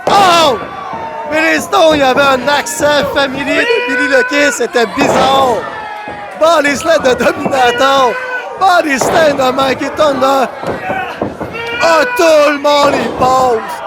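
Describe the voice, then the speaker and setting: Very high-pitched Quebec French male wrestling commentator. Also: slow pace. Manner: exclamatory, calls moves in short bursts. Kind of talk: excited live wrestling play-by-play commentary. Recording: loud crowd noise in event venue. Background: noisy wrestling crowd.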